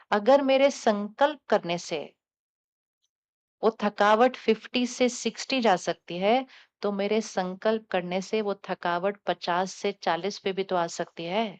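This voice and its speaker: A woman spiritual teacher giving a calm, coaxing talk to a live audience, putting questions to the listeners and repeating affirmations. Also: a little high, smooth. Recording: dull lo-fi sound.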